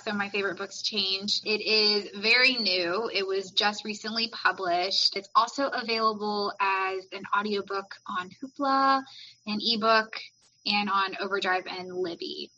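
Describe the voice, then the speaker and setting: A woman talking casually about books, animated and laughing at herself for mispronouncing character names, then reading a book summary aloud. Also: medium pitch, highs cut off, a little hiss or hum.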